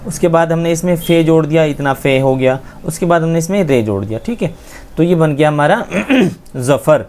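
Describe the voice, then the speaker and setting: A man with a slightly raised voice teaches a beginners' script lesson. He speaks patiently and slowly, spelling out each letter, then asks the class a question and answers it himself. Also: fairly high pitch, a little mellow. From India. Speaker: Urdu teacher.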